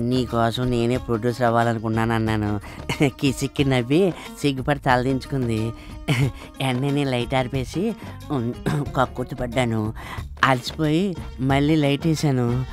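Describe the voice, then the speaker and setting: A man's voice: mid-range voice, close to an everyday voice. An actor playing a henpecked office clerk who ruefully tells his story, in a comedy film. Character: henpecked, hapless office clerk and former womanizer. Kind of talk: Telugu comedy film acting.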